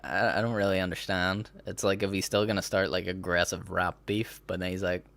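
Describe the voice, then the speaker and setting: A man's voice: deep voice, flat delivery, brisk, vocal fry, a bit bright. A man hosting a podcast in casual chat, rambling and laughing as he breaks into mocking impressions. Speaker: podcast host.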